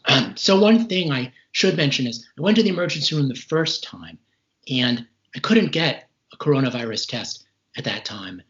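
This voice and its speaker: This interview guest is a man in his forties recovering from a serious respiratory illness, a little short of breath as he haltingly and carefully recounts his personal experience. His mid-range voice is animated with a fairly bright tone, carried on dull lo-fi call audio.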